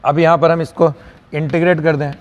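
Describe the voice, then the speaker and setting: Male physics teacher, slightly higher voice, slow word-by-word dictation, reverberant room. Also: level tone. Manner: dictates slowly word by word, motivational asides. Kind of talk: online lecture.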